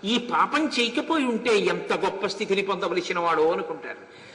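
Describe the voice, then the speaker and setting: A man tells an epic tale as a devotional discourse, moving animatedly between narration and chanted verses. His voice is high and bright. Long reverb fills the large hall around him. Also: lively intonation, normal speed. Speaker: religious storyteller.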